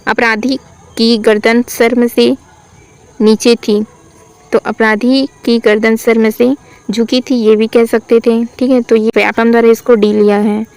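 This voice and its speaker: A woman teacher works through grammar practice questions. She reads each sentence slowly and then corrects it. Her voice is clear and smooth, a little high, and stays on a narrow, even pitch. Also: dry recording. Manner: asks questions then answers them herself. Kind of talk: exam-prep grammar lesson.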